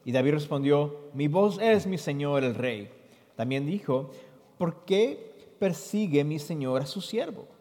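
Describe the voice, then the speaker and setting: Higher-voiced male interpreter in a hall. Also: a little slow. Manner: expressive reading that jumps high in the quoted questions. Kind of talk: sermon interpreting with scripture reading. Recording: long hall reverb.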